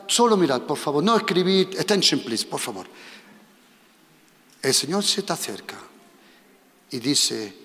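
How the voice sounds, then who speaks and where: Man, preacher, lively rising and falling voice, fairly high, long hall reverb. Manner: animated, repeats instructions to the congregation. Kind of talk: sermon with live demonstration.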